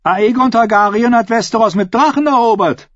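A man voicing a defiant young woman captain in an audiobook, raising his voice high and sounding scornful. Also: moderate pace, a bit bright, no room sound, dull audio. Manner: scornful, mocking.

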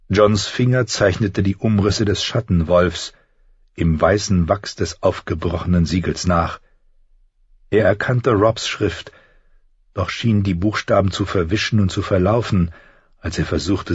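A man reading an audiobook in steady, measured narration. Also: low voice, husky, dry recording. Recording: dry, dull lo-fi audiobook sound.

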